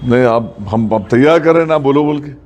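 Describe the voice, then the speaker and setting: A man's voice: mid-range voice, a little mellow. A man teaching Quran recitation rules in a mosque class, explaining patiently and quizzing his students.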